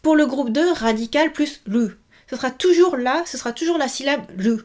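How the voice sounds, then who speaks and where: A woman's voice: high-pitched, moderate pace, a little mellow. A woman giving a casual video lesson, chatty, with many fillers, repeating each example word. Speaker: Japanese teacher.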